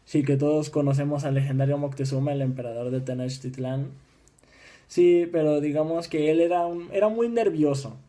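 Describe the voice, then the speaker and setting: A young man from Mexico giving an informal history talk, halting with many restarts and fillers. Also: fairly high pitch, dark tone. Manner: acts out voices in dialogue.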